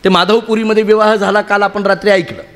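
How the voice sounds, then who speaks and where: A man's voice: high voice, steady tone, fast talker, a bit bright. A man preaching and telling stories to a live audience, chatty and humorous, often asking the listeners questions. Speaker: kirtan preacher. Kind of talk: sermon storytelling. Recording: long hall reverb.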